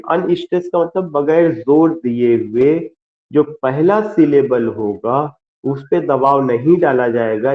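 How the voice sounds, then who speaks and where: A male literature teacher giving an online lecture, speaking deliberately and spelling out terms letter by letter. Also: on the high side, narrow, tinny audio. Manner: slow, deliberate, spells words letter by letter, mixes Hindi and English. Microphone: screen-share with whiteboard, computer mic.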